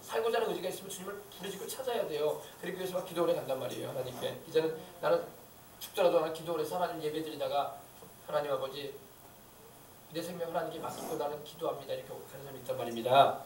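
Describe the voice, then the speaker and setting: A man's voice: on the high side, very fast, a little mellow, slight background noise. A male pastor preaching a sermon in a church, fervent and emphatic, with many rhetorical questions to the congregation. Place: church sanctuary. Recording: echoey church hall, mic at a distance.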